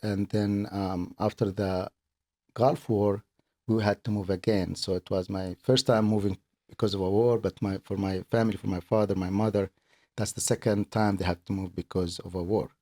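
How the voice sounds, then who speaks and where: A middle-aged man from Kuwait, a guest speaking in a casual interview, earnest and halting, often repeating words as he explains. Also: fairly low pitch, little pitch movement, warm tone. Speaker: podcast guest, accountant and business owner.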